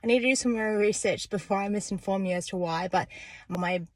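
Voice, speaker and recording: A woman running vlogger with a mid-range voice talks briskly and casually to camera, upbeat and self-encouraging. She's outdoors and in a car after a run, and the recording is rough.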